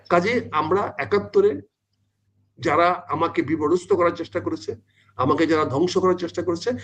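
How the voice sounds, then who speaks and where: A man's voice: high voice, husky. An older man, a talk show guest, speaks insistently and repeats his points for emphasis. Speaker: political guest.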